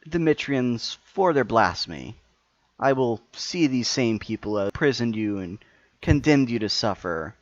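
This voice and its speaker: A man playing a smug, commanding evil high priest in a tabletop game, monologuing in formal, grandiose language. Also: expressive, a little slow, lightly acted. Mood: vengeful. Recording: muffled, echoey room.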